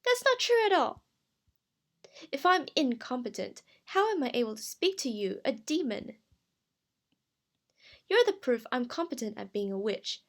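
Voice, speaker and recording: A woman's voice: fairly high pitch, very animated, moderate pace. A woman voicing a haughty, insecure young witch who protests indignantly. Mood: protesting.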